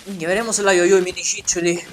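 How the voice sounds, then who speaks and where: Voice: medium pitch, flat delivery, quick pace, slight background noise, close to an everyday voice. An actor voicing a frantic, foul-mouthed Sicilian in a comic parody dub of a dinosaur film, with a Sicilian accent and an exclamatory, colloquial manner. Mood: exasperated. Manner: exclamatory, colloquial, full of wails and swearing. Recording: music running under the voice.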